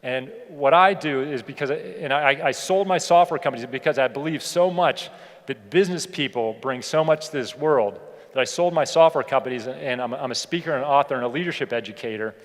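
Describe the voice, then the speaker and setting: Speaking a little fast at medium pitch, a middle-aged keynote speaker from Pittsburgh, in the United States, delivers a motivational speech built on personal stories. He's a leadership educator addressing an audience in a big indoor hall, talking emphatically and conversationally, with key phrases repeated. Long reverb fills the echoey room.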